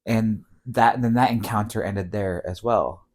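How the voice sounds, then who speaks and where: A middle-aged man, a podcast guest, telling a long story in a relaxed, rambling way with many fillers. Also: fairly low pitch, normal speed. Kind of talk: casual storytelling.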